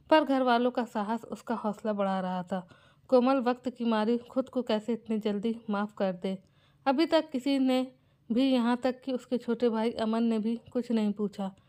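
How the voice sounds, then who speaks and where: A woman narrating an emotional family moral story in a gentle, scripted way. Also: a little high.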